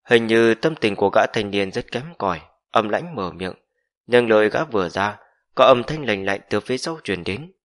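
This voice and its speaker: A man narrating a fantasy novel in a steady, measured storytelling voice. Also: fairly low pitch. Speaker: audiobook narrator.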